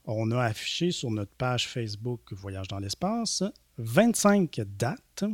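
A man's voice: medium pitch, expressive, slow, dry recording, clean studio sound. A man with a Quebec French accent presenting a show to listeners in a polished radio-host manner. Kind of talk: scripted show introduction, addressing listeners.

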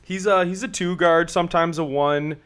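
Young guy guest on a sports pod, smooth clear voice, easygoing, sure of his picks, hot garage. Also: fairly high pitch, steady tone, moderate pace, a bit bright. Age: young adult. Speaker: podcast guest. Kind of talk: casual sports chat.

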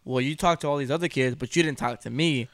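A man's voice: medium pitch, fast talker, no room sound. A man bantering casually in slangy frat-bro style as a panelist on a podcast, close to the microphone.

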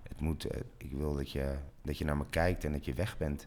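A middle-aged man, an actor and voice actor, chatting in an animated way and sometimes slipping into voices. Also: brisk. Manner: animated, swings pitch, slips into voices. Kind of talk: casual interview talk.

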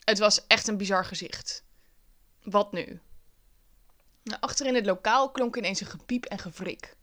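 A woman's voice: mid-range voice, normal speed. Wry woman telling a school story. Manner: wry, lively, self-mocking. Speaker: storyteller, teacher. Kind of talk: personal storytelling.

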